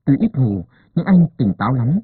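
A man narrating a story as an expressive audiobook reader. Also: mid-range voice, normal speed, husky, no echo. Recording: narrow phone-like dry sound.

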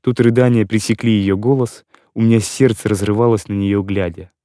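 Mellow-voiced male audiobook narrator. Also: fairly low pitch, steady tone, no room sound, clean studio sound. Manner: earnest, measured first-person storytelling. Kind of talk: scripted literary narration.

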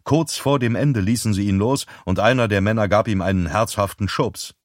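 A man reading a tense thriller audiobook in measured, steady narration. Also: on the low side, no room sound, studio quality.

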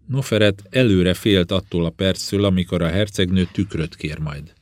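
Deep-voiced man narrating a novel. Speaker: audiobook narrator. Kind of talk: scripted narration.

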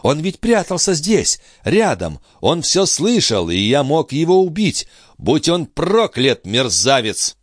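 Audiobook: man voicing an anguished young nobleman, emotional, lively pitch, dry sound. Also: slow pace, hardly any pauses, dry recording, full character voice. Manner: emotional, raises his voice. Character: young nobleman, anguished, hot-tempered brother. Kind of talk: audiobook reading.

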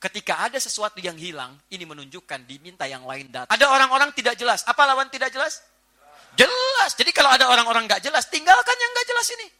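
A man giving a lively sermon as a preacher, joking and acting out small household scenes. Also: extremely high pitch, rapid-fire, hardly any pauses. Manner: animated, jokey, acts out little household scenes. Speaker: Islamic preacher. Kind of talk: lively sermon to a live audience.

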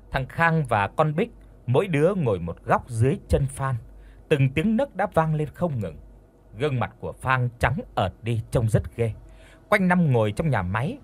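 A man narrating an audiobook story in an expressive storytelling read. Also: medium pitch, slight background noise. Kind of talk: scripted narration.

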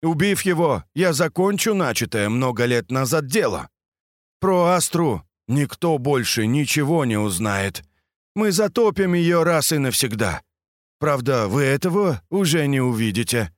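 A man voicing a cold, calm villain professor in an audiobook story, speaking mockingly. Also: medium pitch, unhurried, no echo, clean studio sound, voice pushed up. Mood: cold menacing.

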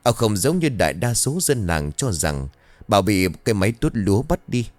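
A man's voice: fairly low pitch, big pitch swings, moderate pace, a little mellow, no room sound. A man reading a horror story aloud in a dramatic, storytelling manner. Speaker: narrator. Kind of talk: scripted horror story narration.

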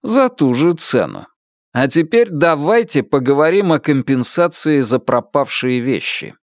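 A man's voice: a little high, lively intonation, measured pace, no room sound. A man doing a flustered, hemming realtor. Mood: relieved. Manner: hesitant, hemming and mumbling. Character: flustered, evasive middle-aged male realtor.

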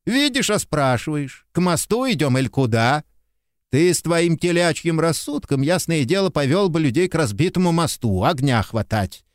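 A man giving voice to a short-tempered soldier who snaps and mocks. His pitch swings widely as he scolds. The sound is dry and close. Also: expressive, normal speed, no room sound, natural voice. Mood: scolding. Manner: curt, scolding, sarcastic. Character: gruff irritable male soldier, sharp-tongued. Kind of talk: audiobook character reading.

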